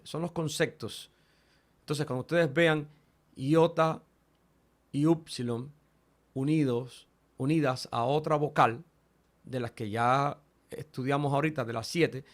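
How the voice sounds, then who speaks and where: A man teaching a Greek lesson, modeling each letter's sound aloud and speaking directly to his students. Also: mid-range voice. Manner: addresses students directly, repeats key points. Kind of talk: online language lesson.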